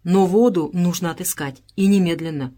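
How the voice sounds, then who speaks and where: A woman reading the lines of a practical, determined male engineer in an audiobook, who talks to himself in brisk, earnest bursts. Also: lowish voice, warm tone, close to an everyday voice. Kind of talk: audiobook character voice.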